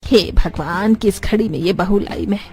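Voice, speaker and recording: A woman's voice: mid-range voice, moderate pace, a little mellow, close to an everyday voice. A woman voicing an older grandmother who scolds her daughter-in-law in a cartoon story. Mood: indignant. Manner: scolding, indignant. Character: stern older village grandmother, scolding, devout.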